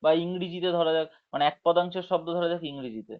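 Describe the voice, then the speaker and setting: A man teaches an online class with a slightly raised voice, going over points slowly and checking in with his students again and again. He stretches example words out syllable by syllable. The audio is dull and lo-fi, as from a computer mic. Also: on the high side. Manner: explains slowly, checks understanding with frequent tag questions; drawls words out syllable by syllable when demonstrating.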